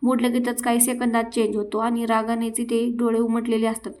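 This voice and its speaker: A woman narrating a recap of a TV serial. Her voice sits slightly high and stays quite flat, moving steadily through the retelling with frequent filler words. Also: fairly quick.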